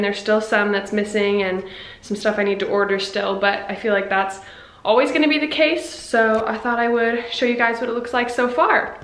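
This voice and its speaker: A chatty young woman talks into a handheld camera, walking through her house. Her voice sits a little high for a woman. She is upbeat and casual and keeps slipping in "like" and "um". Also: a bit bright. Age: young adult. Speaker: vlogger. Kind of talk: casual home vlog chat. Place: living room, then walking through a house, indoors. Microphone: on-camera mic, camera handheld at arm's length.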